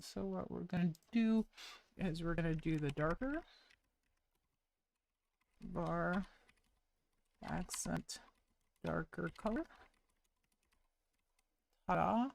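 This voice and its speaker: A woman's voice: fairly low pitch, lively intonation, creaky, a little mellow, a little hiss or hum. A woman live-streaming web development, muttering through each step of her code in a casual, wry way. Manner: slow, muttering, self-narrating while typing code. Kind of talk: thinking-aloud coding stream.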